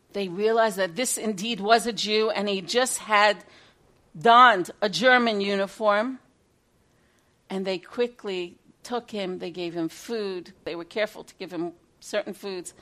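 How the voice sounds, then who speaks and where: A woman teaching through a dramatic story, her voice swinging between loud bursts and hushed passages. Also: mid-range voice, a little slow.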